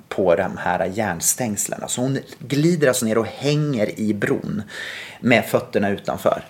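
A man hosting a podcast, telling a story casually with lively quoted dialogue and frequent restarts. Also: mid-range voice. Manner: animated retelling with quoted dialogue and many restarts. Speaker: podcast host.

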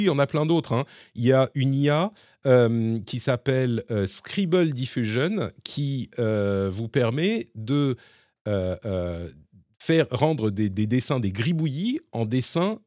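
A man's voice: mid-range voice, a little mellow, dry recording, studio quality. A man with a slightly hybrid French accent co-hosting a casual tech podcast, explaining with many fillers and restarts. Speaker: podcast co-host.

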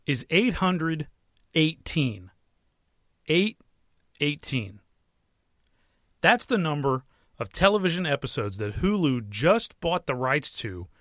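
A man's voice: a little high, fairly bright tone, dry recording. An American man in his thirties hosting a casual solo podcast in a wry, conversational way, recorded close in a small closet. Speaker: podcast host and movie and TV critic.

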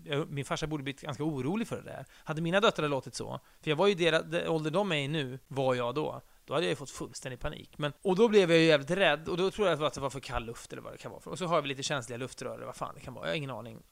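A man's voice: fairly high pitch, creaky, few pauses, fairly bright tone. Rambling, self-deprecating middle-aged man. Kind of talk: casual conversation.

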